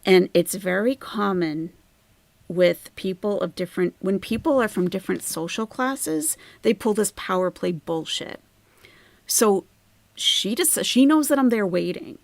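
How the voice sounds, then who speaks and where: A woman hosting a casual livestream and telling a story, animated, laughing often and acting out the people she quotes. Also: mid-range voice, a little slow, vocal fry, dry recording. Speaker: channel host telling a story.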